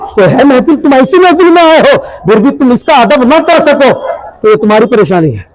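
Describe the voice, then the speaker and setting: A man with a Hyderabadi Urdu accent preaching a fiery religious sermon at a shrine festival, shouting rhetorical questions at his listeners. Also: extremely high pitch, poor audio. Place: outdoor religious gathering.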